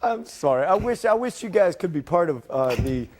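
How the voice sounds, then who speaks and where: A man's voice: high voice, lively intonation, moderate pace, a little mellow. A man presenting TV weather who keeps stifling giggles and breaking into laughter as he talks. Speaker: TV news weather anchor. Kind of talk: live weather report with off-script banter.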